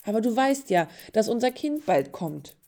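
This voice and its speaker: A woman voicing a gentle young pregnant woman in a storybook reading. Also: fairly high pitch, sing-song, normal speed, pitched above the performer's own voice. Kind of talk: storybook narration.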